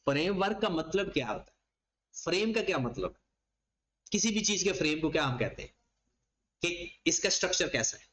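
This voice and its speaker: Guy teaching a class, pretty high voice, keeps asking a question then answering it himself. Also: fairly bright tone, low-quality recording. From Pakistan. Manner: explains by asking and answering his own questions. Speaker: accounting lecturer. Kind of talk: classroom lecture.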